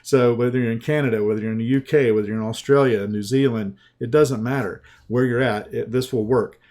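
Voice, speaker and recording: Relaxed and folksy, a man with a Southern US accent makes a webinar pitch as a sales coach. The delivery is slow and casual, marked by frequent restarts.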